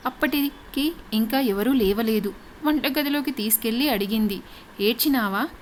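Woman storyteller, fairly high voice. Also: normal speed, a little hiss or hum. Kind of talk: scripted story narration.

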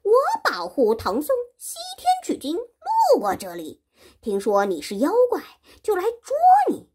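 A brash male monkey king from a storybook tale, bragging in a high, loud voice, as a woman puts him on. He sounds slightly distant and breathy, and his pitch leaps about. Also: huge pitch swings, a little slow, heavily acted. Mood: boastful. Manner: bold and boastful.

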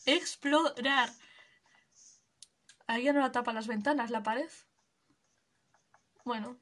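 A woman's voice: fairly high pitch, fairly even intonation, normal speed. A young woman, giving casual gameplay commentary, chatty and giggly, thinking aloud. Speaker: gaming video creator.

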